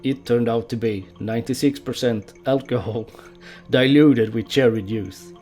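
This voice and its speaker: A male documentary narrator with a voice of middle pitch who tells history anecdotes and chuckles at them. Soft music plays under his voice. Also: measured pace. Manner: amused storyteller who laughs at the anecdotes.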